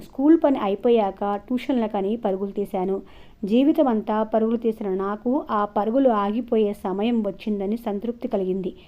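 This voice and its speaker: A woman reading as a calm, resigned old teacher. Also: on the high side, dull audio, lightly acted. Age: 60s. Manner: calm, reflective, detached.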